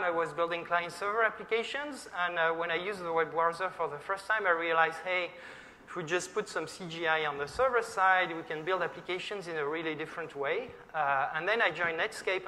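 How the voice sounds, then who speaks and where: A middle-aged Frenchman with a French accent gives a friendly, chatty conference talk, full of fillers and questions thrown to the audience. His voice is slightly high, pushed and bright. The conference hall is reverberant, with faint background noise.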